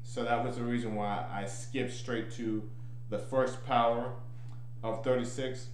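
A middle-aged man explaining his code in an informal tutorial, thinking aloud, haltingly repeating and restarting his phrases over and over. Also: mid-range voice, fairly even intonation. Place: small indoor room at home. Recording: echoey room, clear background noise.

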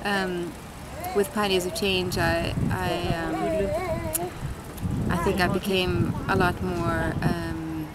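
Sitting outside at a street table beside a tiled wall, a woman from Denmark in her thirties thinks out loud during an interview. She answers reflectively and thoughtfully in a fairly low pitch, with many ums, pauses and restarts, as heavy city traffic roars in the background.

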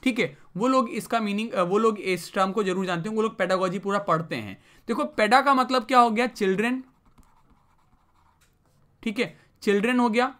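A man's voice: sits high, moderate pace, pushed and bright. A male teacher giving a vocabulary lesson, mixing English terms into Hindi and asking the class questions he then answers himself. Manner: explains with repeated rhetorical questions.

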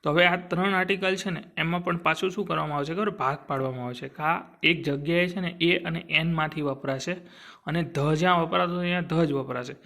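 A man's voice: on the high side, fairly even intonation, a little fast, gravelly, sharp tone. A young man teaching a grammar lesson for exam students, repeatedly asking short questions and answering them himself. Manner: asks and answers his own questions. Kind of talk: classroom grammar lecture.

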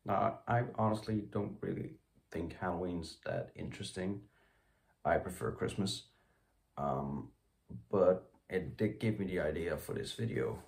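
A young man hosts his video in casual talk to camera. His low voice has a gravelly edge, and he speaks slowly. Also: darkish tone. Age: young adult. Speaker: video creator and host. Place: small bedroom indoors.

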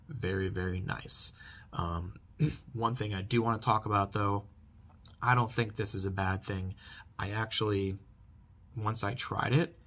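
This product reviewer, a man in his thirties and host of his channel, talks casually to camera in a small furnished bedroom, recorded from about arm's length. He has a lowish voice with a fairly bright tone and keeps returning to emphatic stock phrases.

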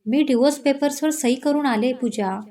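A woman voicing a gentle, heartbroken young bride who speaks quietly and resignedly, in a storybook reading. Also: high voice, moderate pace, close to an everyday voice. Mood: sad.

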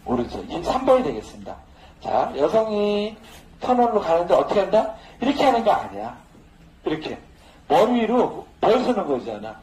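A man's voice: sits high, big pitch swings, moderate pace, darkish tone. A man teaching a social dance lesson in a casual, joking manner, laughing often as he talks. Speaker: dance instructor. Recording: echoey room with faint noise.

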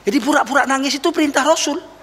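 A male preacher giving an animated sermon to an audience, acting out weeping prayers and joking with listeners. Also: very high-pitched, very fast. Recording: long reverb of a hall.

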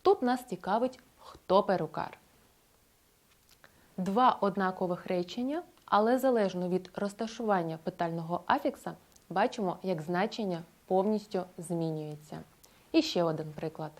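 A woman's voice: fairly low pitch, a little mellow. Woman narrating a scripted language lesson. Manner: clear, explanatory, slows down to model example phrases. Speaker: language teacher.

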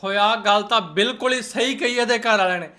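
A man's voice: high voice, fast talker, sharp tone. A man with a Punjabi accent giving mocking, sarcastic reaction commentary in colloquial speech. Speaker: host of a roast reaction channel.

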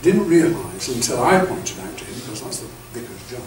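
Brisk and very animated, a medium-pitched older man, the bishop running a clergy training, tells stories in a conversational lecture, often tripping into stammered repeats. He's recorded from a distance by a camera in an echoey meeting room with a projector screen, and there's a faint hiss.

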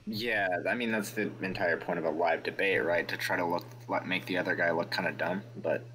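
A man's voice: low-pitched, steady tone, brisk, sharp tone, a little hiss or hum, poor audio. A man chatting casually on a call about a debate he took part in, laughing often and reading out chat comments. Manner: laid-back, laughs often, reads chat comments aloud. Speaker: debate guest reviewing his debate.

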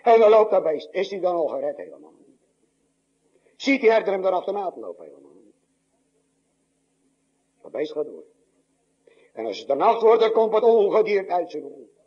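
An older man, a pastor, preaching a dramatic sermon with a husky voice, swinging from loud high cries to low hushed lines. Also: sing-song, moderate pace, long pauses, highs cut off.

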